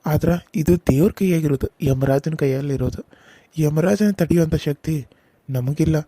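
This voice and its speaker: A man voicing a calm, kindly village doctor, speaking slowly and solemnly in a cartoon serial. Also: fairly high pitch, no echo. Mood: grave. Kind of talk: Kannada cartoon serial voice acting.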